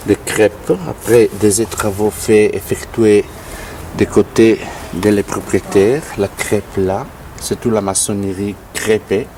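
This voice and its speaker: Italian guy doing a video tour in halting accented french, real slow, noisy handheld recording. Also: on the low side, flat delivery, warm tone. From Italy. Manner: halting, broken non-native French with searching pauses. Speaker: resident filming a walkthrough of their building. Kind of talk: informal narrated video tour. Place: around and inside an apartment building entrance and corridor. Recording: clear background noise, handheld on-location sound.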